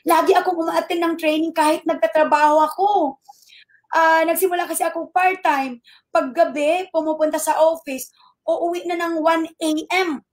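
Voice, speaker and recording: A middle-aged woman with a high voice tells her own story as a testimony. She speaks politely and with energy, and voices the people she quotes to bring her account to life. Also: moderate pace. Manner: animated retelling that acts out quoted dialogue; polite, uses respectful particles. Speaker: network marketing member giving a testimony. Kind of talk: personal storytelling.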